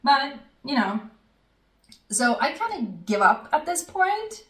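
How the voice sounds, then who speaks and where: A woman from Norway tells a casual story-time tale in a high voice, laughing often between phrases. She talks at an unhurried pace. The recording is roomy, with the mic set some way back from her. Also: sing-song, a bit bright. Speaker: vlogger. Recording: roomy echo, mic at a distance.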